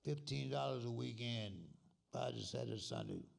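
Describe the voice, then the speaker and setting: A man putting on the voice of a gruff old mob boss with a cigar, speaking low and bossy. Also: wildly swooping pitch, moderate pace, full character voice.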